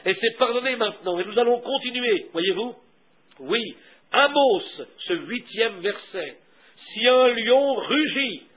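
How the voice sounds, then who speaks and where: High-voiced preacher on a tinny line. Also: male voice. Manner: emphatic, slows down sharply on key phrases; repeats a questioning aside. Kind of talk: sermon read aloud. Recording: narrow phone-like sound.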